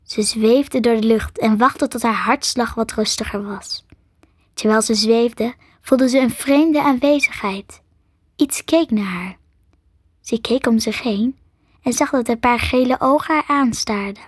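A woman reading a chapter book aloud as narrator, slow and careful. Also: a little high, husky, no echo, clean studio sound. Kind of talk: storybook reading.

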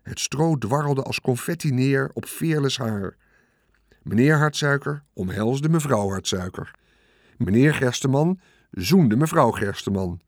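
A man narrating a children's storybook in a calm, measured read-aloud style. His pitch sits in the middle range for a man. The recording is dry and close, with no room sound. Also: no room sound.

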